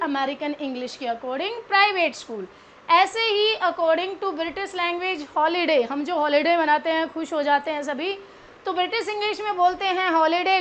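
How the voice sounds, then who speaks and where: An Indian woman with a very high voice leads an online English lesson. She explains patiently, repeating each word and switching between Hindi and English. A faint hiss of noise sits behind her. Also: fairly bright tone. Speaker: English teacher.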